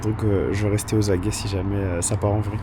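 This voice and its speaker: A young man with a hoarse voice, chatting casually in a vlog and laughing often. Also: on the low side, level tone, fast, very noisy. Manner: laughs often, mixes French and English. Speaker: vlogger. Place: small room indoors.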